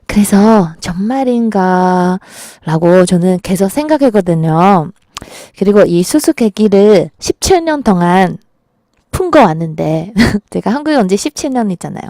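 A woman's voice: mid-range voice, sing-song, normal speed, mellow, no echo, clean studio sound. A woman hosting a small local radio show, chatting casually with listeners and laughing often between lines. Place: small radio studio at a market.

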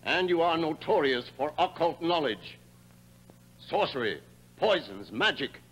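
An actor playing a stern, powerful king who speaks in a measured, commanding way in 1950s stage tragedy style. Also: fairly high pitch, expressive, fairly bright tone, husky, heavily acted, rough recording.

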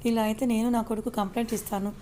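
A woman's voice: fairly high pitch, flat delivery, racing, warm tone, slight background noise, close to an everyday voice. A woman storyteller voicing a sulky, playfully complaining young wife in an audio story. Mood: sulky complaint. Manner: pouting, complaining.

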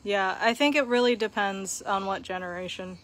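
This young woman from Okinawa, Japan, has a medium-pitched, fairly bright voice and a moderate pace. She's a vlog host live streaming outdoors under a concrete shelter in a grassy park, holding her phone at arm's length. She chats thoughtfully, with frequent fillers and laughs.

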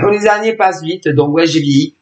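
A woman hosting a tarot channel, talking to her subscribers in a rambling, sarcastic monologue full of fillers and interrupted by coughs from her allergies. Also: sits low. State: coughing, throat irritation from allergies. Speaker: tarot and oracle channel host. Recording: echoey room.

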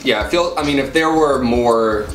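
A man's voice: medium pitch, moderate pace, reverberant, music in the background. A young man co-hosting a casual comedic chat, giving dry, mock-serious replies. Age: young adult. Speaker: co-host. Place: home kitchen, indoors.

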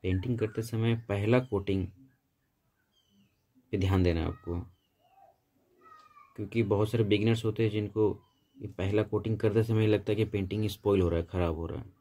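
A man's voice: on the low side, steady tone, moderate pace, long pauses, mellow. A man giving a painting tutorial in a voice-over, explaining each step patiently and steadily. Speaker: painting instructor.

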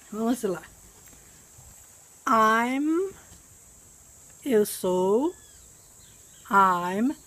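Slow, patient woman teaching English. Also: a little high, low-quality recording. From Brazil. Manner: patient, repeats words slowly to drill pronunciation. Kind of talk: recorded language lesson. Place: outdoors.

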